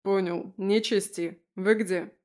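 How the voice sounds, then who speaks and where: A woman voicing a calm, curt man giving orders over the phone, in an audiobook. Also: mid-range voice, slow, natural voice. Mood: clipped. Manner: clipped, matter-of-fact.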